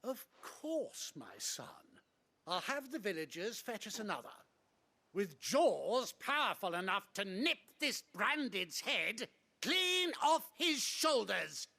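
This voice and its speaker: An actor playing a pompous, cruel noble father, haughty and scornful with shouted outbursts. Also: high voice, very animated, slow pace, gravelly, full character voice. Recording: game audio under faint music.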